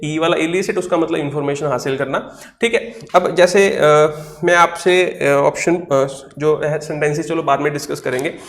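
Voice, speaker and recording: High-voiced man teaching vocabulary. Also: gravelly, fairly bright tone, echoey room. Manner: explains step by step, asks questions and answers them himself; spells words out letter by letter. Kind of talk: online class lecture in Hindi.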